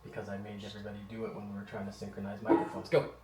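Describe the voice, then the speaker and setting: A man's voice: on the low side, monotone, rapid-fire, echoey room, far from the mic, very noisy. A man co-hosting a travel vlog, joking wryly about himself in casual off-the-cuff talk. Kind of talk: casual behind-the-scenes chat.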